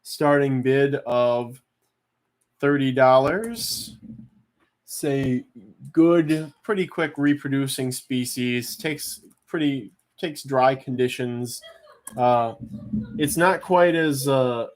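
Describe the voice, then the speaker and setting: Rambling man hosting a casual live stream. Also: mid-range voice. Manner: rambling, halting, thinking aloud. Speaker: online auction host.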